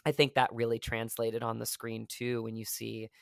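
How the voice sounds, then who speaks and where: Clear and resonant, this mid-range male voice is monotone with vocal fry and moves at a normal speed. Recorded at studio quality with no room sound, the actor chats as a podcast guest in casual interview style, earnest and long-winded with frequent fillers and restarts.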